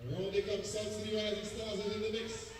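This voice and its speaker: A man's voice: high-pitched, little pitch movement, fairly quick. A man working as a stadium announcer at a track meet, making projected, clipped calls over a PA system. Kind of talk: public address announcing and race calling. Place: outdoor athletics stadium. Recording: echoey stadium PA heard from a distance, with music.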